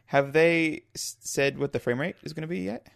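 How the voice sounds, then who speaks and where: A man's voice: a little high, normal speed, creaky. A man co-hosting a podcast, trading playful, teasing banter in casual chat. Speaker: podcast co-host.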